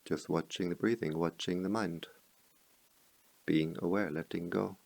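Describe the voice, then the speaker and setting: Very deep, gravelly man guiding meditation. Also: fairly even intonation, a little mellow, no echo. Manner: slow, measured phrases with pauses. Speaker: meditation teacher. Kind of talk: guided meditation.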